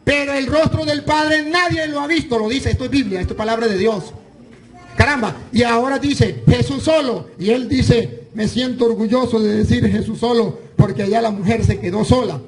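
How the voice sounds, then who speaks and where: High-voiced priest arguing scripture. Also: male voice, moderate pace. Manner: insistent, argumentative, reads scripture aloud. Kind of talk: heated religious debate.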